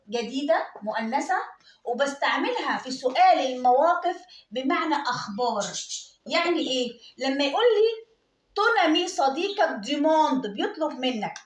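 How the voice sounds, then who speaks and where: Brief: Egyptian woman French teacher, high voice, echoey room, explains step by step. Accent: Egyptian Arabic. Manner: explains step by step, asks and answers her own questions. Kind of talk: classroom exam-prep lesson.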